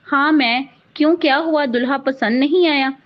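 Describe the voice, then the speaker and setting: Lady narrator doing a bitter revenge-minded young guy, biting, high voice, dull lo-fi sound. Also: normal speed, natural voice. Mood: cold. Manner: cold, biting. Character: young man, proud and vengeful doctor. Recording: dull lo-fi audio.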